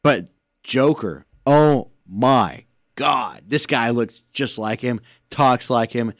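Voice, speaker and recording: Casual male co-host, mid-pitched, rambling, retelling stories with restarts; dry close studio mic. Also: slow pace, dry recording. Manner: rambling, repeats words, animated storytelling. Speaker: podcast co-host. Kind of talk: casual chat. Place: radio station studio.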